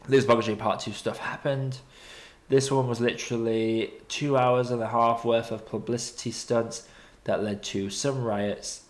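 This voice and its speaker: A British man giving casual film review commentary as a streaming host, blunt and opinionated in colloquial language. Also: mid-range voice.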